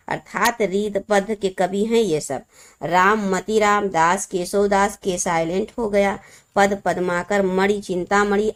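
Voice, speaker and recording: A woman teacher giving a lesson to students, explaining a memory trick and slowly repeating the key words. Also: mid-range voice.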